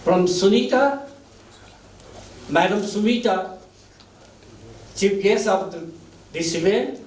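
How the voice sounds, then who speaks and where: A Nepali author whose first language is Nepal Bhasha gives thanks at a book launch in an event hall, deeply moved and speaking slowly in short, halting phrases. His emotional formal speech has a darkish tone. The low-quality recording is echoey and picked up from a distance.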